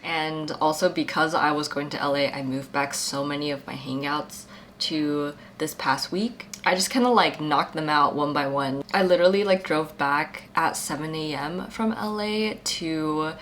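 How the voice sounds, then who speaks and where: Chatty young woman with a low-ish voice. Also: normal speed, fairly bright tone, a little hiss or hum. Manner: chatty, filler-heavy, upbeat. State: husky morning voice. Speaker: vlogger and small shop owner. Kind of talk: casual vlog voice-over.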